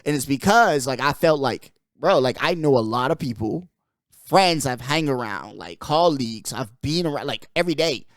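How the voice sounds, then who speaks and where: A man's voice: mid-range voice, lively intonation, normal speed, dry recording, studio quality. A young man from the Bahamas hosting his podcast, talking in a rambling, emphatic way and peppering his talk with "bro" and "like". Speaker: podcast host. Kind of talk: casual chat.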